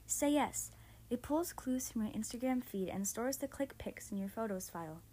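A woman reading aloud gives voice to an excited teenage girl rounding up her friends for a game. She sounds a little high and mellow, quick and bossy with barely held-in glee. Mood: eager.

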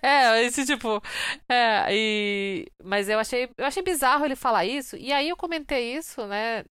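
A woman from Brazil chatting casually and telling lively stories, acting out what people said. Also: on the high side, moderate pace, smooth, dry recording, studio quality. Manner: lively storyteller, acts out quoted lines. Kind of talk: casual chat.

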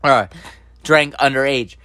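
A man's voice: mid-range voice, slow pace, dry recording. A young man casually telling a funny story and acting out the dialogue in voices. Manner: animated, acts out dialogue in voices.

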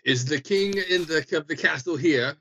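A man's voice: a little high, moderate pace, sharp tone, muffled recording, a little hiss or hum. A man talking casually as a player in a tabletop game, asking questions and speaking for his character.

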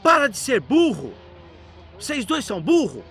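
A man voicing a stern middle-aged father who scolds his son loudly and commandingly. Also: very high voice, expressive, fast talker, pitched above the performer's own voice, heavily acted. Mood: scolding.

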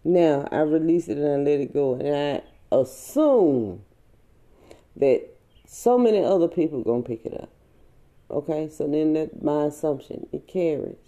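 A woman hosting a podcast, speaking a heartfelt spiritual monologue with slow, drawn-out phrasing. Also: low voice, animated, dark tone. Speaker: podcast host.

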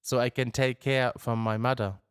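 A man's voice: medium pitch, flat delivery, normal speed, clear, resonant tone, dry recording, clean studio sound, close to an everyday voice. A man voicing a grateful young female refugee who speaks English, polite and hopeful.

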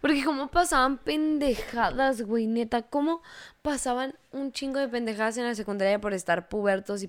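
A woman with a Mexican accent telling anecdotes in a casual chat, joking and cursing in heavy slang. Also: fairly high pitch. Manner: joking, slangy, swears freely.

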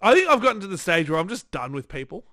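A man co-hosting a podcast in casual chat, laughing often and shouting mock insults. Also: high-pitched, big pitch swings, fast, a crowd in the background. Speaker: podcast co-host.

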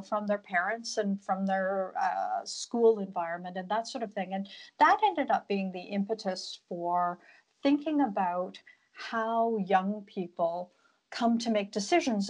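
A woman's voice: medium pitch, darkish tone. Middle-aged woman as podcast guest. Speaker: podcast guest, broadcast business host. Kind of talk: conversational interview answers.

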